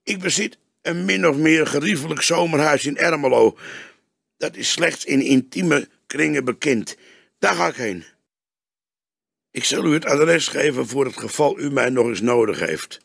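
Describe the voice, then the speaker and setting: Man doing a panicky, high-voiced journalist. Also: expressive, unhurried, gravelly, a bit bright, husky, no room sound, clean studio sound, full character voice. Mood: anxious. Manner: high-pitched, pleading, panicky. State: sobbing. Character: frightened middle-aged male journalist, nervous.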